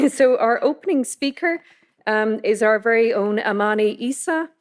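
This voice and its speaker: Woman chairing a panel, measured formal introductions with ums. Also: on the high side. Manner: measured, with frequent fillers.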